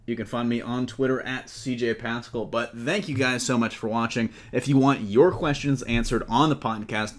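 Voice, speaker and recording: On his casual panel podcast, the host chats about comic-book movies in a jokey, loose way, with some swearing. He has a medium-pitched voice that sounds a bit bright.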